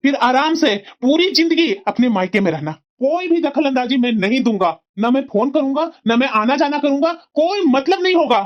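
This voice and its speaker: A woman's voice: sits high, expressive, normal speed, hardly any pauses, dull audio. A woman voicing a stern young husband in a cartoon, firm and threatening as he lays down an ultimatum. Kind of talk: cartoon voice acting.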